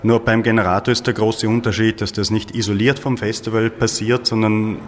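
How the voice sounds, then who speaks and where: Low-voiced man, thoughtful interview answers. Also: flat delivery, fairly quick. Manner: thoughtful, hesitant with fillers. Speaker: festival founder and organizer.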